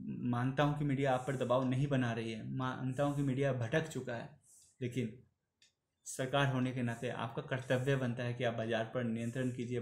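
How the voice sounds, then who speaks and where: A man's voice: medium pitch, a little mellow, reverberant. A man in his thirties giving an earnest opinion commentary to camera in a small room, pleading and slipping into English phrases. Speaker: vlogger.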